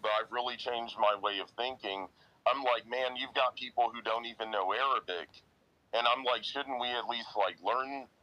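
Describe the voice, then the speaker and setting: A man's voice: lowish voice, bright, forceful tone, poor audio. A man talking earnestly in a casual online chat, often quoting his own past words. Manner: earnest, quotes himself often. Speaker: guest in online audio chat.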